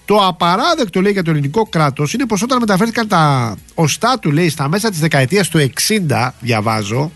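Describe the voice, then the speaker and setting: A man's voice: fairly high pitch, big pitch swings, hardly any pauses, fairly bright tone, faint music behind. A man hosting a radio show, chatting casually and reading a text aloud with his own asides. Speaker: radio host.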